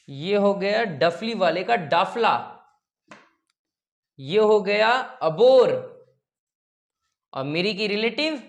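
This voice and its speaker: Slow, joking Hindi-speaking male teacher. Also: on the high side. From India. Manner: playful, full of joking memory tricks; often checks in with "okay?". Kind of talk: classroom geography lesson.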